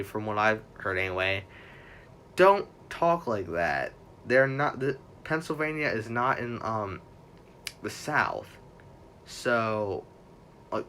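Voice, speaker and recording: A man's voice: mid-range voice, sharp tone, a little hiss or hum. A young man hosting a livestream in a casual, rambling way, correcting himself often as he chats. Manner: rambling, self-correcting, chatty fan talk. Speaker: livestream host.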